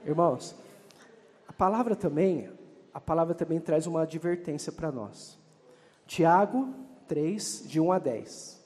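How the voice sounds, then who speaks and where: A man's voice: a little high, a little slow, long pauses, darkish tone, big-room sound. A Brazilian man preaching a fervent sermon, reading scripture aloud and calling out to the congregation. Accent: Brazilian Portuguese.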